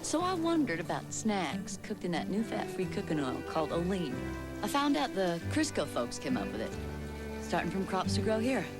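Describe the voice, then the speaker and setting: Lively plainspoken country woman. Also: fairly low pitch, moderate pace. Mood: plain, approving. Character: plainspoken country woman endorsing a snack oil. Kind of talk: conversational television testimonial. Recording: loud music under the voice.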